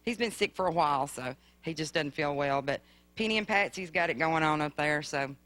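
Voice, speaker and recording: Woman, very low voice, guest, plain casual chat. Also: a little fast, a bit bright.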